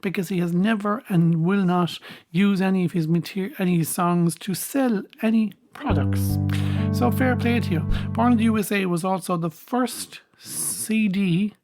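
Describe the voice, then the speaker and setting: A woman's voice: medium pitch, measured pace. A woman hosting a music podcast, chatting casually between songs with frequent ums and restarts.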